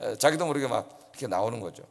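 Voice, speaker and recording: A man's voice: medium pitch, animated, rapid-fire, creaky. A man preaching an early-morning sermon as pastor, telling the story vividly, acting out quoted voices and asking the congregation questions. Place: church sanctuary. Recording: long church hall reverb.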